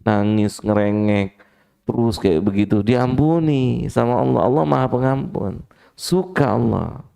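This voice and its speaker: Speaking at a measured pace in a warm, medium-pitched voice with vocal fry, a preacher leads a study-circle sermon in a mosque hall. He keeps things conversational, constantly putting questions to the men listening.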